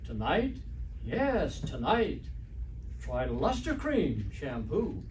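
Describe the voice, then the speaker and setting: A man playing an emphatic old-time radio pitchman delivering a salesmanlike advertisement. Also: huge pitch swings, very slow, a little mellow, full character voice. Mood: smoothly selling. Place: live stage performance. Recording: distant, slightly noisy stage recording.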